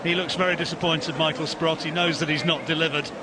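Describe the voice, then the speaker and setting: A man calling a boxing fight as ringside commentator, wrapping up the result in a steady play-by-play manner. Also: on the high side, quick pace. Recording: loud crowd and noise behind.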